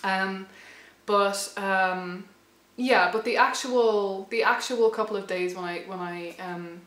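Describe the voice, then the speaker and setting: A woman's voice: mid-range voice, steady tone, slow pace, fairly bright tone, roomy sound. A woman around thirty talking in a thoughtful, hesitant way, with many restarts, her voice a little worn. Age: late 20s to 30. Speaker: channel host. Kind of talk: reflective personal vlog.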